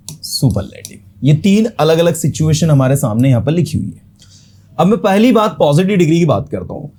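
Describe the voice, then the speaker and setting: An English teacher gives a grammar lesson at a classroom board, explaining in a mix of Hindi and English and repeating words syllable by syllable. His voice is fairly high and warm.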